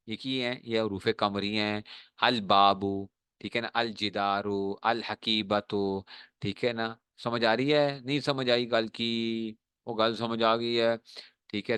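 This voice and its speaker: Man teaching a class, bright and dry. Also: lowish voice, clear, resonant tone, no room sound. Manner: checks often that students understand, slow drawn-out examples. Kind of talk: classroom lesson.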